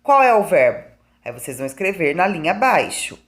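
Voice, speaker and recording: A woman teacher, reading out a school test slowly and clearly to young pupils and asking them questions. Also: lowish voice, sing-song. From Brazil. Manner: slow, clear dictation with questions to the class.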